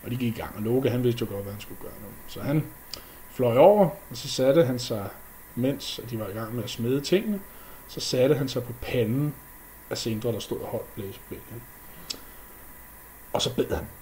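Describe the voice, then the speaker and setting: A man's voice: mid-range voice, mellow, slight background noise. A man retelling a myth off the cuff in a casual way, with fillers and mouth sound effects. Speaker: storyteller.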